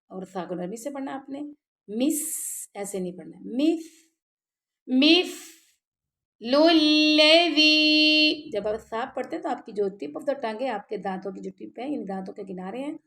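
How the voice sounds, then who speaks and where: A woman teaching tajweed, patiently explaining pronunciation step by step and then chanting the words slowly. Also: mid-range voice, creaky, warm tone. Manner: patient, explains step by step, often checks with "ٹھیک ہے؟"; slow drawn-out chanted recitation between plain explanation. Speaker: Quran recitation teacher. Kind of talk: tajweed lesson, explaining and reciting.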